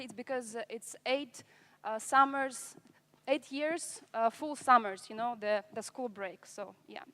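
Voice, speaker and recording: A woman from Latvia giving a chatty, self-deprecating conference talk on stage, with many fillers. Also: high voice. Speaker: conference speaker from a government agency. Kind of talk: conference presentation.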